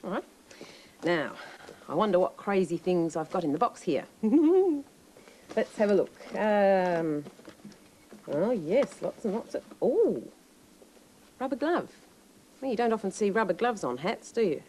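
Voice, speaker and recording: A woman presenting a children's TV show, talking slowly in a playful sing-song way to young children. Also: mid-range voice, big pitch swings, mellow, a little hiss or hum, rough recording. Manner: slow, lilting, playful sing-song delivery.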